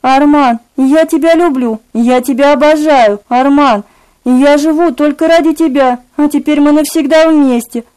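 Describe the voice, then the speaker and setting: A woman voicing a tender young woman who pleads softly and breathlessly in an audiobook reading. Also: sits high, a little slow, dry recording, pitched above the performer's own voice, low-quality recording. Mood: adoring. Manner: soft, imploring and breathless.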